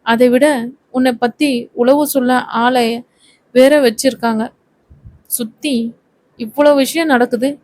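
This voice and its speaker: A woman voicing a sharp-tongued young woman who scolds her reckless friend. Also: a little high, level tone, slow pace, pauses often, no room sound. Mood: scolding. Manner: scolding, sarcastic.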